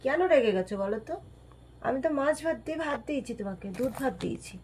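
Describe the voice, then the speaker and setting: A woman talking to her pet cat in soft, coaxing, pleading baby talk. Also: high-pitched, animated, quick pace. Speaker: pet owner.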